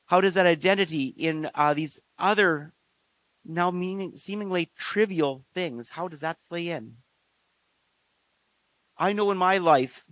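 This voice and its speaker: A man preaching a sermon in an earnest, measured way, slowing down on key phrases. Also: a little high, no echo. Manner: earnest, measured delivery with slow emphatic phrases and frequent fillers.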